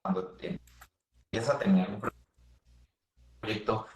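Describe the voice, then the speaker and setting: A man's voice: on the low side, fairly even intonation, slow, darkish tone, reverberant. A man speaking as a webinar panelist over a video call whose audio keeps breaking up, often restarting phrases and repeating words as he thinks. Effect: choppy, breaking-up video call audio. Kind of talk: conversational panel discussion.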